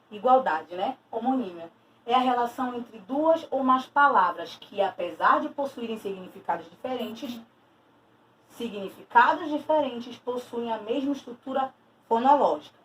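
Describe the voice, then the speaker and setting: A woman teacher explains a lesson, repeating and stressing key words. Her voice sits a touch high. She is recorded from some distance, with a faint hiss underneath. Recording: distant mic with faint noise.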